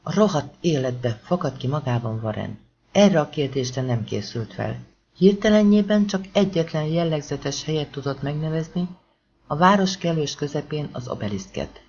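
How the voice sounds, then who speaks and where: A man reading an audiobook in a steady, measured storytelling manner. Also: a little high, a little hiss or hum. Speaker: audiobook narrator. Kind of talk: scripted audiobook narration. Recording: dull lo-fi audiobook recording.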